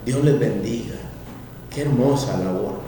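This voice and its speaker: A middle-aged man, a pastor, preaching a sermon and asking the congregation questions, at times rising to loud cries. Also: medium pitch, measured pace. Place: church sanctuary. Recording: echoey hall from far off, faint noise.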